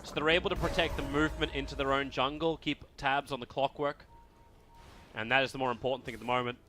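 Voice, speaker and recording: Bright-voiced man calling esports play-by-play. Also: mid-range voice, quick pace. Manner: excitable, rising to shouts at big plays. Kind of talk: live esports commentary.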